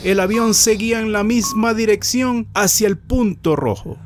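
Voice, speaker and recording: A man's voice: sits high, moderate pace. A man reading a scripted horror story with dramatic storytelling. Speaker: narrator. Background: faint music.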